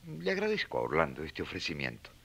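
An actor playing an ailing, humble and fervent friar with a gravelly voice in a radio serial. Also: male voice, a bass voice, wildly swooping pitch, quick pace, a bit bright, full character voice. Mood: insistent.

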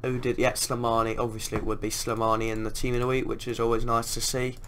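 A man's voice: mid-range voice, flat delivery, fast, fairly bright tone, a little hiss or hum. A man giving casual commentary on a video game as he plays. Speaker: gaming video creator.

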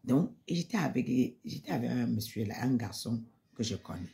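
A woman's voice: very deep voice, expressive, brisk, creaky, warm tone. A woman giving an emotional spoken testimony in church, repeating phrases and sometimes dropping to a near-whisper.

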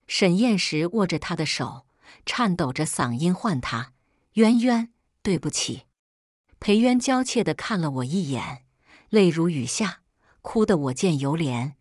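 A woman reads a first-person melodrama in a steady, dramatic storytelling manner. Her voice sits a little low, and the recording is dry and close. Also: measured pace, no room sound. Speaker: story narrator. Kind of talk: first-person audio novel reading.

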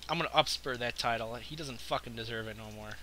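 A man's voice: mid-range voice, quick pace, sharp tone, slight background noise. Young man swearing at a strategy game. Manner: swearing, exasperated outbursts at the game. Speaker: gamer playing a strategy game. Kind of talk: casual gameplay commentary.

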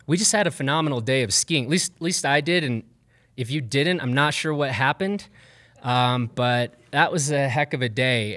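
A man's voice: mid-range voice, a bit bright. Guy moderating a panel on stage, upbeat and loose, lots of ums, table mic. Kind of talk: live panel introduction. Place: stage before a live audience.

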